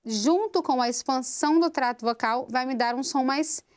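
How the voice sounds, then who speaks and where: High-voiced woman teaching singing. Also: moderate pace. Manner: explains step by step with rhetorical questions. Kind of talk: vocal technique lesson.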